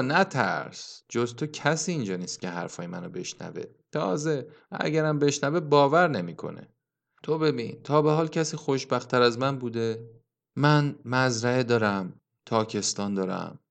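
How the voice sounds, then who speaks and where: A man reading an audiobook, voicing a gloomy old village grandfather in a low, hushed, brooding tone. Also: vocal fry.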